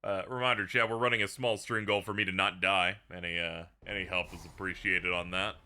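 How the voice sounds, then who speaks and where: A man's voice: deep voice, steady tone, fairly quick, sharp tone, clear, resonant tone. A man giving casual, joking, irreverent live-stream commentary on a game. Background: game cutscene audio.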